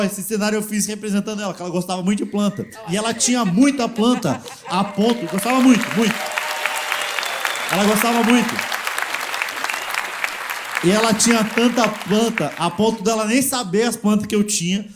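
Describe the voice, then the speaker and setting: Male comic on stage, high voice, animated and crude, noisy crowd around. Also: fairly quick. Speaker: stand-up comedian. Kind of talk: stand-up comedy storytelling. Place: comedy stage before audience. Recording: live show with crowd and noise. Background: audience laughter and noise.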